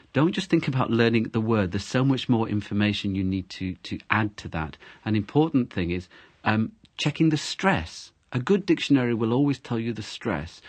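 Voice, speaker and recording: A man with a lowish voice explains English pronunciation like a teacher. He leans hard on stressed syllables in his examples. The recording is dry and close. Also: darkish tone, no echo.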